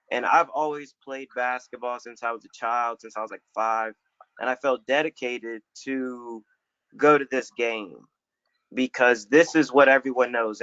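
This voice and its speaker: Young man, reflective storyteller, casual slang, mid-pitched voice, dull lo-fi sound. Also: a bit bright, no room sound. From Florida. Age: young adult. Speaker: community panel speaker. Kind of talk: personal storytelling. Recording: dull lo-fi dry recording.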